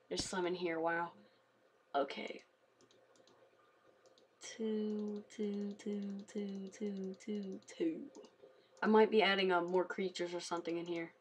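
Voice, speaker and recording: A tired woman giving casual, chatty commentary on a game she is playing, talking quietly and swearing freely. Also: mid-range voice, slight background noise. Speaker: let's play gamer.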